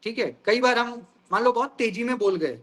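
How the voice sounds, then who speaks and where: A male teacher delivers a lecture in a high, bright voice. He explains each idea through everyday examples and keeps turning to the class with questions. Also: animated, moderate pace. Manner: explains with everyday examples, often asks "guys".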